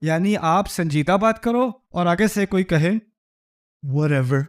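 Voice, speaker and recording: A man with a high voice delivers a religious lecture full of humor. He tells the story in a lively way, asks his audience rhetorical questions and slips in jokes. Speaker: Islamic lecturer.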